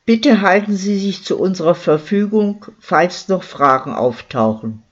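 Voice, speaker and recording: Narrator voicing a curt formal policeman, sceptical, slow, lo-fi sound. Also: high-pitched, expressive. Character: stern male village policeman, sceptical. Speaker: character in a crime story. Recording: dull lo-fi recording.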